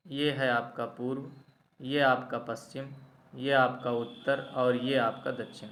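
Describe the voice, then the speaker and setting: A man's voice: mid-range voice, flat delivery, a little slow, fairly bright tone. Echoey Hindi-speaking man teaching maths. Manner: explains step by step, asks "clear?" to check understanding. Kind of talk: classroom lecture explaining reasoning problems.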